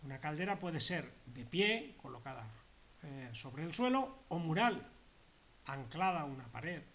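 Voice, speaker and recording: A man lectures on a technical subject at a methodical pace. He often repeats himself and rephrases terms. His voice sits a little high for a man. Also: big pitch swings, measured pace, fairly bright tone. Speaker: heating course instructor.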